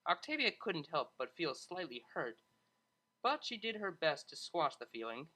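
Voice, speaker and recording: A storyteller performs scripted fiction with a bright, crisp edge, the middle-register pitch rising and falling freely to keep things lively. The delivery runs at a normal speed.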